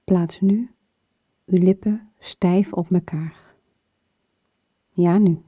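A woman guiding a muscle relaxation exercise in short, soothing phrases, her soft breathy voice often falling toward a whisper. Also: lowish voice, steady tone. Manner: slow, soothing, with pauses between short phrases. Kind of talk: guided muscle relaxation instruction. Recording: dull lo-fi recording with room echo.

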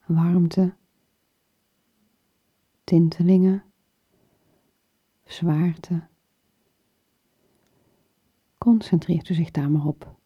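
A woman guiding a muscle relaxation exercise in short, soothing phrases, her soft breathy voice often falling toward a whisper. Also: fairly low pitch, fairly even intonation. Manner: slow, soothing, with pauses between short phrases. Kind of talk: guided muscle relaxation instruction. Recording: dull lo-fi recording with room echo.

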